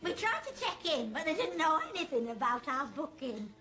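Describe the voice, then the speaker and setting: A chirpy, suggestive swinger wife in a sitcom. Her voice sits high and bright. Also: big pitch swings, fairly quick. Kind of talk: sitcom acting.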